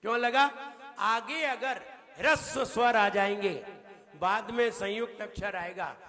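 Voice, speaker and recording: A man teaches scripture recitation as a Jain monk, questioning his listeners and chanting slowly. His voice sits very high and sounds bright and forceful. The sound rings with the long reverb of a temple hall. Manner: explains, quizzes the listeners, chants verses slowly.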